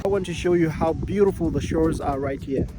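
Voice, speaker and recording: Higher-pitched male vlogger in loud ambient noise. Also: brisk. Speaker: travel vlogger. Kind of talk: casual on-location vlog talk. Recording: noisy location sound, traffic ambience.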